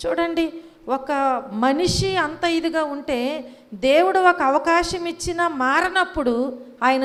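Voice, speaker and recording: Woman preacher, high voice, slow delivery, emphatic questions and repetition, sermon in an echoey church hall. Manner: emphatic, asks the congregation questions and repeats key phrases.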